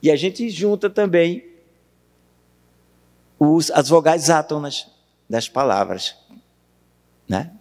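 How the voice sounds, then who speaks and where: A man with a Brazilian Portuguese accent giving a university lecture on poetry, questioning the audience and reciting verse slowly. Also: fairly high pitch, expressive, a little mellow. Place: university auditorium. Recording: long hall reverb.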